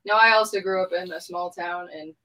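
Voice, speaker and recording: A woman's voice: fairly low pitch, bright, forceful tone, low-quality recording. A woman in her twenties from Pennsylvania, a band guest, chatting casually and laughing easily. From Pennsylvania, USA. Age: 20s. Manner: laughs easily, quick interjections. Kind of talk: casual chat.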